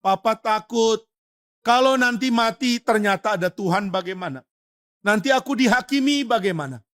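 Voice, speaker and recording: Frightened old man, anxious, pleading, high strained voice, a male preacher acting it. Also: expressive, normal speed, a bit bright. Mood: afraid. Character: frightened elderly atheist father, rich arms maker.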